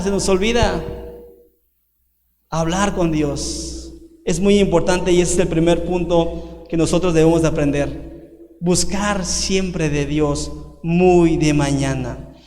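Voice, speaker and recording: A man in his thirties preaches to his congregation, asking questions and drawing out key phrases slowly. His voice sits high for a man. It carries through an echoey church hall with a long reverb tail. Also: a little mellow. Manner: preaching with sudden slowdowns and rhetorical questions. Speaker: pastor. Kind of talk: sermon.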